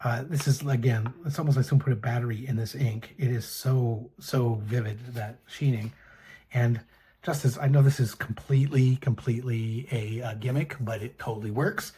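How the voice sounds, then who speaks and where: A middle-aged man casually reviewing fountain pens and inks, talking in a soft, hesitant way with many fillers and restarts. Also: medium pitch, fairly even intonation, moderate pace, breathy edge. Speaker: pen and ink reviewer. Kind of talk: casual show-and-tell review.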